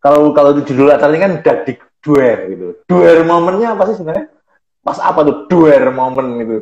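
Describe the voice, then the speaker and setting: A man's voice: a little high, expressive, brisk, a little mellow. Man asking questions in a roomy, dull recording. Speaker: interviewer host. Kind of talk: casual interview questions. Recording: roomy, dull-sounding audio.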